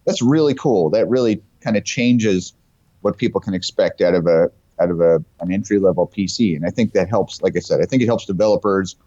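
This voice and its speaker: Over a remote internet call, a man with a cold speaks as an invited guest representing his company, chatting casually and enthusiastically about technology. His voice is low and dark, with no room sound, and the call audio comes through muffled and dull.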